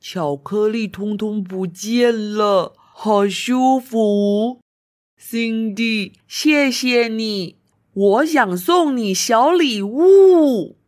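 Woman voicing a slow, pitiful little snail for toddlers. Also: fairly high pitch, darkish tone. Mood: relieved, grateful. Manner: slow, drawn-out, pitiful pleading, as if reading to a toddler. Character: sticky, dizzy little snail pleading for help. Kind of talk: children's storytelling to toddlers.

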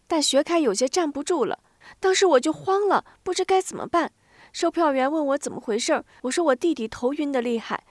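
A woman's voice: high voice, expressive, dry recording, clean studio sound, pitched above the performer's own voice. A woman voicing a flustered young girl who breathlessly recounts what happened. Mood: anxious. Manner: breathless, rushed retelling.

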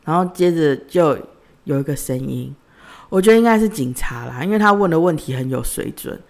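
A woman's voice: deep voice, expressive, a little fast, vocal fry, darkish tone. A woman, hosting a podcast and telling a personal story in a conversational way, retelling the dialogue in her own voice. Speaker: podcast host.

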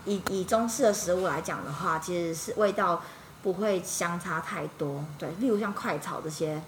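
A woman with a Taiwanese Mandarin accent chats as a podcast guest, her voice sitting a little low. She talks animatedly, piling up fillers and quick self-corrections, over a faint hum of background noise. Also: rough recording. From Taiwan, Yilan. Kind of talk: casual storytelling chat.

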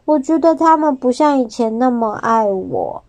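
Woman reading a gentle storybook kid, soft and reasonable, slightly high. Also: lively intonation, normal speed, no echo. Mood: wistful. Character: gentle, sensible storybook child with a baby brother.

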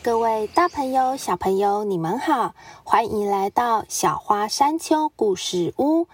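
A woman, gently reading a picture book to children. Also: fairly high pitch, lively intonation. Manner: gentle, slow and clear. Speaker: storyteller.

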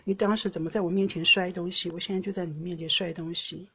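A middle-aged woman with a Taiwanese Mandarin accent, hosting a podcast and telling personal stories in an emotional, animated way. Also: on the low side, fast talker, husky, lo-fi sound. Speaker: podcast host. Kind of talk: casual personal storytelling.

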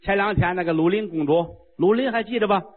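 Greedy king, low and conspiratorial, voiced by a storyteller; husky, tinny radio sound. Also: fast talker. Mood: gleeful. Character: greedy middle-aged king, gleeful schemer.

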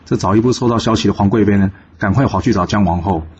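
A man hosting a storytelling channel, narrating a classical tale in a lively way and lightly voicing the characters in quotes. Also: lowish voice, quick pace, breathy edge. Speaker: storyteller host. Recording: slightly dull recording with faint noise.

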